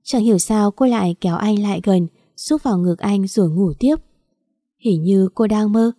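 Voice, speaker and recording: Female audiobook narrator, even storytelling, mellow timbre. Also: medium pitch, normal speed, dry recording, studio quality.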